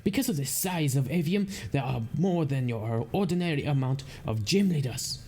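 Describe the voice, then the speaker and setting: A man's voice: mid-range voice, expressive, a little fast, dark tone. A man voicing a genial, formal male ship captain in a put-on accent while reading game dialogue aloud. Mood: welcoming formal. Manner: formal, teasing, welcoming.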